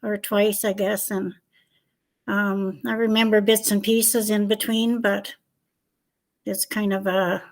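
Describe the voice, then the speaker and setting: A woman in her seventies from Canada, slowly recalling a hospital stay in an interview, hesitant and unsure. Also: medium pitch, level tone. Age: 70s.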